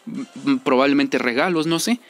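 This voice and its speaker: A gaming video creator, a young man with a Mexican accent, rambles through informal, slang-heavy game commentary at a moderate pace, repeating things for emphasis in a mid-range voice. Music plays underneath.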